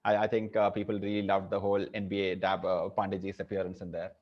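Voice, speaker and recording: A man's voice: low voice, monotone, quick pace. A man with an Indian accent co-hosting a casual podcast, rambling and hesitant with many fillers. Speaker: podcast co-host. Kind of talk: casual chat. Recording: dull lo-fi audio.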